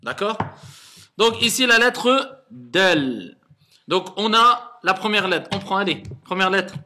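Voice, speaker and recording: Imam guy teaching a class, bright clear voice, a bit high, keeps saying sounds for kids to repeat back. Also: animated, slow. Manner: coaxing, repeats letters for students to echo. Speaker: imam teaching Arabic reading. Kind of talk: classroom lesson.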